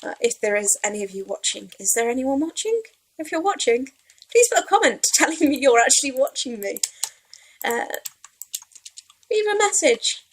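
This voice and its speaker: A young Welsh woman with a slightly high, husky voice gives casual, rambling commentary on her let's play. Some Yorkshire creeps into her Welsh accent, she pokes fun at herself as she goes, and the recording is rough.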